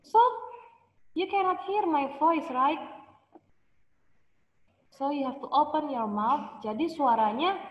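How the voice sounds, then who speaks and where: A woman teaching a class over a video call, speaking slowly and clearly, switching between Indonesian and English. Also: sits high. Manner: slow, clear, over-articulated teacher talk with frequent English prompts. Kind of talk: online class instruction, mixing Indonesian and English. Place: home room on a video call. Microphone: laptop mic on a video call. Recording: muffled echoey video call audio.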